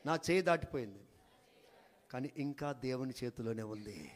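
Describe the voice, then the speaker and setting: A man preaching a church sermon as pastor, in call-and-response style, swinging from quiet talk to shouted peaks. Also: mid-range voice, lively intonation, moderate pace, a little hiss or hum. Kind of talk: Pentecostal sermon. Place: large church hall. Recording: long church hall reverb.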